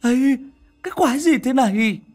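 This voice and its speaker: A man voicing a brash, cowardly young male swordsman who clowns around and stammers in a high squeal. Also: animated, moderate pace, faint music behind. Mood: startled.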